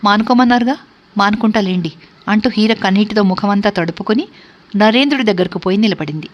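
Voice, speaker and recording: A woman storyteller narrating a classic novel in a steady, measured reading voice. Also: mid-range voice, lo-fi sound.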